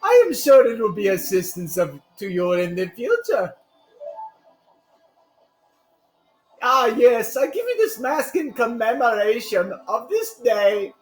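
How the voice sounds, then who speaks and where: An eerie video game mask salesman, played by a man, with a high voice that swoops dramatically between solemn and frantic. He is theatrical and pleading, in a roomy space with game music behind. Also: big pitch swings, normal speed, few pauses. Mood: grand, mysterious. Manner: melodramatic, swinging from solemn to shrieking. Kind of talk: dramatic read-aloud of video game dialogue.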